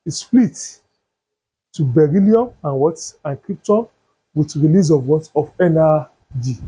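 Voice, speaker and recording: Male chemistry teacher, slow, mellow and husky, quizzes the class and supplies the answers. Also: a little high, expressive. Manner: asks questions and fills in the answers himself. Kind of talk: chemistry lesson. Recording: dull lo-fi sound.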